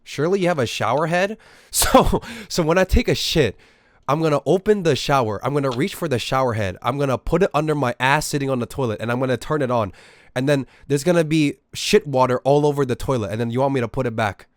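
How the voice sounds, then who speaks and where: A man's voice: medium pitch, fast, dry recording, studio quality. A young man, ranting in a casual, profane way at his live-stream chat. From Australia. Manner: incredulous, profane, exaggerated ranting.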